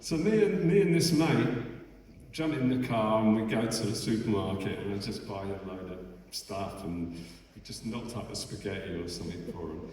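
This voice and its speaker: Middle-aged musician, loose rambling storyteller, boomy hall, distant mic. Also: male voice, normal speed, darkish tone, a little hiss or hum. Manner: rambling, swearing, full of restarts. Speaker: bass player telling stories on stage. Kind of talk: casual onstage anecdote. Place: festival hall. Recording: echoey hall, from far off.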